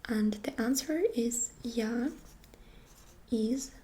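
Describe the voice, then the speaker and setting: A woman giving a whispered ASMR lesson, speaking gently and softly and repeating each short phrase several times. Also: on the high side, extremely slow, slight background noise. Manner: gentle, soft-spoken. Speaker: ASMR creator teaching phrases.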